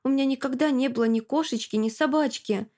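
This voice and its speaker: A woman reading an audiobook, voicing an excitable little girl who talks breathlessly and pleads. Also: sits high, voice pushed up. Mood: excited. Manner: breathless, pleading, quick to whine. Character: excitable little girl, eager and wide-eyed.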